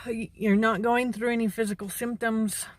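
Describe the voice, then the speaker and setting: A woman sounding anxious and shaken, speaking haltingly and earnestly to camera in a personal vlog. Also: on the high side, level tone, dry recording. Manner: halting, earnest, with long pauses. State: anxious, shaken during a panic attack. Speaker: mental health vlogger. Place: outdoors beside a parked car.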